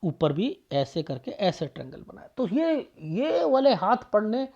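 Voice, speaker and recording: A man's voice: high-pitched, very animated, creaky, darkish tone. Man firing rhetorical questions, dull lo-fi sound. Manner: rapid rhetorical questions, repeats phrases for emphasis. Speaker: palmist. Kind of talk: explaining a palm reading to viewers.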